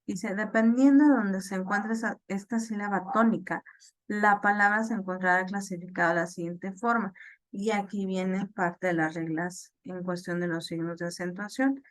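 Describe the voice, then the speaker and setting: A woman teaching an online class, explaining slowly with fillers and repeats and checking in with "ok?". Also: medium pitch, steady tone, no room sound. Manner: slow, halting explanation with many fillers and repeats; checks understanding with "ok?".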